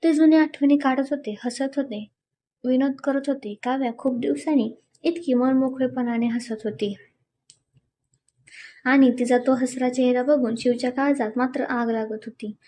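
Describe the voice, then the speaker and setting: A woman's voice: high voice, fairly even intonation, normal speed, warm tone. A woman narrating a romantic serial story, reading every character's lines herself with light voicing. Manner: reads all parts herself, dialogue lightly voiced.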